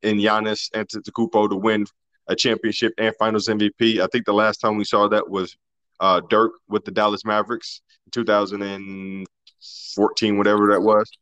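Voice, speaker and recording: A man's voice: fairly low pitch, little pitch movement, normal speed, fairly bright tone, clean tone, dry recording. A man co-hosting a casual sports podcast, talking loosely and colloquially, often restarting his sentences.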